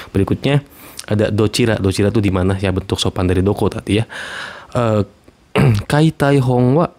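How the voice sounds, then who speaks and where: A man teaching Japanese words in a casual lesson, saying each example sentence twice and repeating translations slowly. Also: lowish voice. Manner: relaxed, reads example sentences twice, slow clear repeats.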